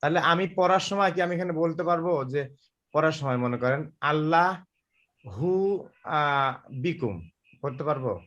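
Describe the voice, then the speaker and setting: A man with a somewhat high voice asks follow-up questions in an online lesson. He speaks carefully and slows down to demonstrate pronunciations. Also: lively intonation, fairly bright tone, dull audio. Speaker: student. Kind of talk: asking questions in an online class.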